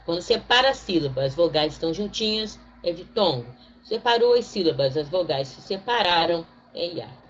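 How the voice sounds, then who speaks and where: A low-voiced woman teaches a recorded online lesson, slowing down to spell out each example word. She keeps checking in with her pupils as she explains. The recording sounds dull and lo-fi, with a faint hiss underneath. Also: lively intonation. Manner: slows down to spell out example words one by one.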